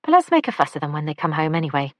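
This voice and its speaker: A woman's voice: deep voice, big pitch swings, very fast, no echo. A woman voicing a careful young female pastry chef with dry humour in an audiobook.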